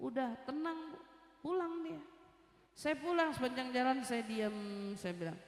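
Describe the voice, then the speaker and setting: A woman preacher giving a sermon to a women's study group, telling a story in a lively way and often asking her listeners questions. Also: high voice, normal speed. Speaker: Islamic preacher. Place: mosque study gathering hall. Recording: echoey, reverberant hall.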